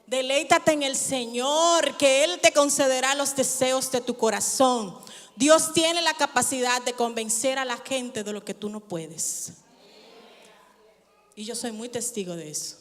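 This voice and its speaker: A woman pastor delivers a sermon with a high, bright voice. She is expressive and mixes humor and sarcasm into her preaching. The sound carries a long church-hall reverb. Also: a little slow.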